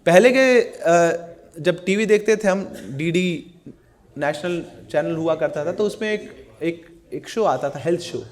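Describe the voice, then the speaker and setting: A middle-aged man from India gives a scripture lesson, and his voice sits high for a man. He chants the verses slowly, then moves into quick, animated stories and acts out each character's lines. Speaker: Gita teacher.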